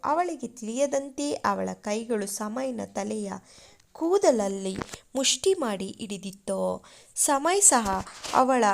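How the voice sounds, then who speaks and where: Slow, expressive woman storyteller. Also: mid-range voice, vocal fry. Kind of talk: romance story narration.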